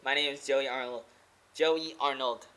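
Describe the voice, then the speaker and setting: A medium-pitched, pushed and bright voice belongs to a young Oregon man in his twenties, a vlogger and English teacher, speaking steadily at a moderate pace. He talks earnestly and casually to his close-up laptop webcam in a small room, rambling with frequent "like"s and repetition.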